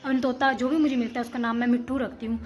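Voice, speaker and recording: Chatty young woman vlogger, higher voice. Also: steady tone, quick pace, faint music behind. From Himachal Pradesh, India. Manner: rambling, chatty, many restarts and fillers. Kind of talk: casual storytelling to camera.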